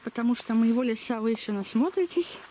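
High-voiced young woman with a slushy lisp. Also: animated, quick pace, mellow. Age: young adult. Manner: lisping, slushy sh for s. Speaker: vlogger. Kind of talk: casual chat while walking. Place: outdoors, walking along a village street. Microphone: handheld camera at arm's length. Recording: noisy outdoor camera recording.

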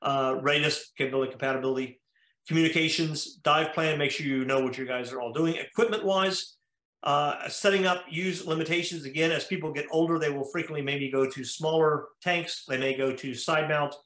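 A man's voice: on the high side, fairly even intonation, fairly quick, fairly bright tone. A male cardiologist with an American accent, giving a methodical slide lecture over a video call, explaining step by step with frequent "uh" fillers. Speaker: cardiologist lecturing at a diving conference. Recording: echoey room.

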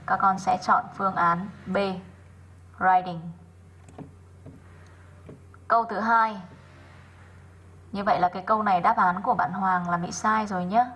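A woman English teacher, going through worksheet answers in an online class, slowing down to sound out each example word and calling on students by name. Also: mid-range voice, a bit bright, a little hiss or hum, poor audio. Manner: methodical, slows down to sound out example words.

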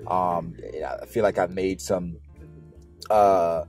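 Rambling vlogger man with a lowish voice, talking while driving, soft music under him. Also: fairly even intonation, slow pace. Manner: rambling, many restarts and fillers. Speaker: anime YouTuber. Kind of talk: casual car vlog monologue. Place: driving in a car. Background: faint background music.

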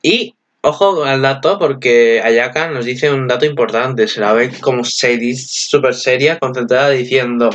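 A man's voice: medium pitch, unhurried, few pauses, fairly bright tone, highs cut off. A man, chatting casually as channel host in a rambling way, often correcting himself. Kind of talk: casual anime commentary.

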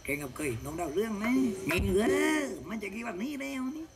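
A man with a Southern Thai accent, performing a comic shadow-puppet play in rough, joking banter. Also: high voice, very animated, quick pace, over a noisy crowd, low-quality recording. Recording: loud folk music behind.

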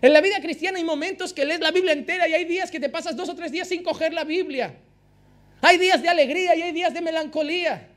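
A pastor preaching an impassioned sermon, repeating phrases for emphasis. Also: male voice, very high-pitched, fast, a bit bright.

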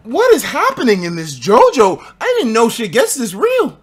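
Animated young American male streamer. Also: extremely high pitch, moderate pace, slight background noise. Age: 20s. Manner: expressive, slangy, profane. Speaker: livestreamer reacting to videos and reading chat. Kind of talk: casual livestream chat and reaction. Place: indoor streaming room.

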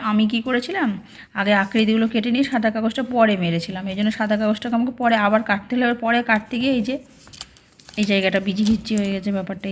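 A woman's voice: medium pitch, slight background noise. Woman explaining a craft step by step. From Bengal. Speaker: anganwadi preschool worker. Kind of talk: casual craft tutorial.

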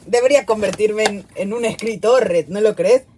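A performer voicing an excitable young yellow bird who talks in a giddy, eager way. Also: mid-range voice, normal speed, slight background noise, close to an everyday voice.

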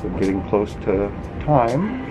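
Older man with a low voice. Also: wildly swooping pitch, slow pace. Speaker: father filming family vlog. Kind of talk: casual vlog talk. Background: prominent music.

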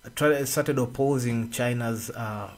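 A man, co-hosting a radio discussion and explaining at an unhurried pace with pauses and fillers, speaking into a studio microphone. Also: mid-range voice. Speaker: radio co-host. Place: radio studio with red walls. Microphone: studio boom mic.

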